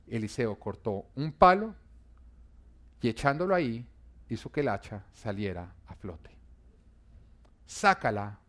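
A man pastor preaching a sermon, repeating key lines and pushing emphasis up on important phrases. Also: medium pitch.

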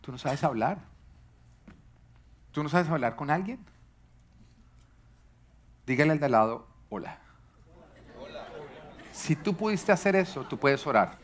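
A man preaching a sermon to a congregation, asking them questions and joking along the way. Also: a little high. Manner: lively, asks the congregation questions, jokes.

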